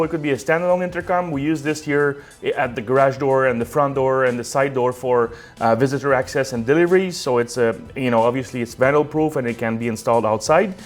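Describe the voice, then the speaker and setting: A man with a medium-pitched voice walks through a technical tutorial step by step. His delivery is unscripted and conversational, and he often checks in as he explains.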